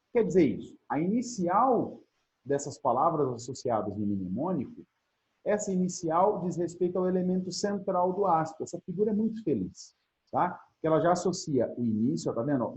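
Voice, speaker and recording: Brazilian guy teaching chem on video, slightly high voice, talks back to himself, muffled audio. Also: darkish tone. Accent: Brazilian Portuguese. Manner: explanatory, asks and answers his own questions. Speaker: chemistry teacher. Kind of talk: recorded video lesson.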